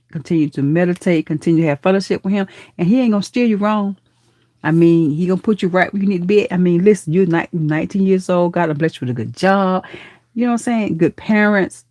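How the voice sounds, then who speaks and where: A woman's voice: lowish voice, dry recording, studio quality. Churchy auntie woman on a live stream. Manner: warm affectionate auntie talk, calls viewers baby and honey; churchy, speaks of God and blessings. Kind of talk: casual live chat reading comments.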